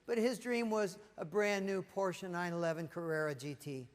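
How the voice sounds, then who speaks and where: A man giving a live motivational presentation to a leadership audience, telling stories with lively, acted-out voices. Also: high-pitched, normal speed, long reverb tail. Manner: animated storytelling, acting out voices. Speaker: motivational speaker. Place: conference room with leadership audience.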